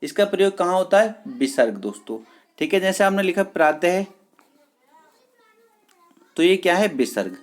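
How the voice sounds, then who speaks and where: A teacher giving an online exam-prep lesson, repeating key words slowly and checking with the class whether it is clear. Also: mid-range voice, big pitch swings. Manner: addresses viewers as friends, patient and repetitive.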